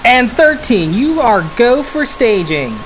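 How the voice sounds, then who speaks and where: A woman voicing a steady, official mission control announcer in a space re-enactment, clipped and procedural. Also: fairly high pitch, takes it slowly, slight background noise, voice pushed up.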